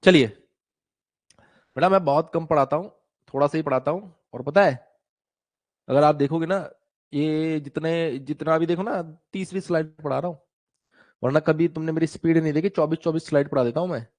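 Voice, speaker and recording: A man's voice: on the high side, fairly quick, pauses often, darkish tone. A man teaching physics in a live online class, chatty and teasing, often acting out students and newsreaders.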